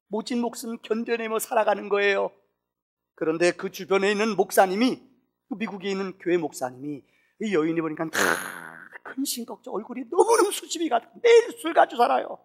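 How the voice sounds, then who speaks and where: A preacher telling a sermon story dramatically, dropping to a hush and then rising to near shouts. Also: medium pitch, gravelly, husky. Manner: dramatic, swinging between hushed and shouted.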